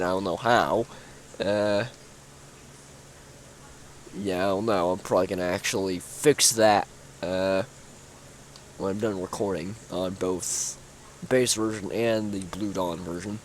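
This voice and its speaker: A man's voice: low-pitched, steady tone, measured pace, long pauses, a little hiss or hum. A young man giving casual, rambling commentary while touring his own build in a video game, full of fillers and restarts, sounding sleepy. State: sleepy, yawning. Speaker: gaming YouTuber. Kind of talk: casual gameplay walkthrough commentary.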